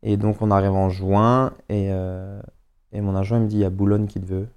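A young man with a Paris suburbs accent, a footballer chatting as a podcast guest, slangy and animated as he acts out what people said. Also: fairly low pitch, a little fast, clean tone. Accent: Parisian suburbs French. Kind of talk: casual storytelling chat.

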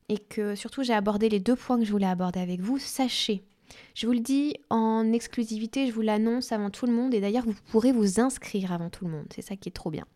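A woman's voice: fairly high pitch, dark tone. A woman life coach talking in an enthusiastic, chatty podcast monologue with spiritual wording.

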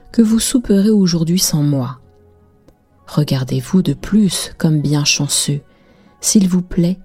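A woman's voice: sits low, mellow. Woman playing a gallant young peasant boy. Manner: gallant, formal speech.

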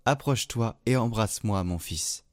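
A man's voice: fairly low pitch, dry recording, lightly acted. A man reading as an old blind father. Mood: solemn. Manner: slow, measured reading. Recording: dry, faint music behind.

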